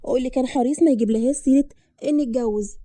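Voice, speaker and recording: A woman narrates a story in a brisk, rushing delivery. Her voice sits a little high and sounds mellow. The recording is dry and close. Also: dry recording.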